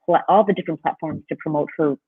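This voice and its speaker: A woman's voice: low voice, fast talker, breathy edge, no echo. A woman on a tinny, glitchy call line. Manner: upbeat, encouraging, filler-heavy. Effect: tinny, glitchy call audio. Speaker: life coach interviewing a client. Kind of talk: casual video-call interview. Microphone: online call. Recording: dry, narrow phone-like call line.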